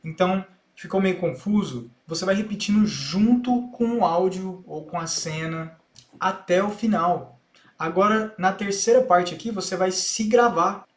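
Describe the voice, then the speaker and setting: A man with a Brazilian Portuguese accent, an English teacher explaining a learning method step by step in an online lesson. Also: sits high. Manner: patient, step-by-step explaining, repeats English lines to demonstrate. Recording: echoey room sound.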